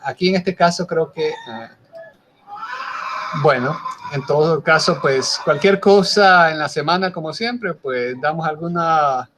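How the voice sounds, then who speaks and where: A man's voice: on the high side, a bit bright, slight background noise. A male teacher giving an explanatory class lecture, often checking in with his students through short tag questions.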